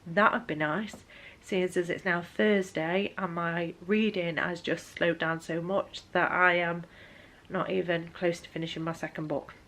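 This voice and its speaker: A young woman chats in a casual vlog update, tired and hesitant, with many ums. Her voice sits a little low, and she talks close to the camera. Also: fairly even intonation, measured pace. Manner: hesitant, lots of ums, soft and weary. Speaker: book vlogger.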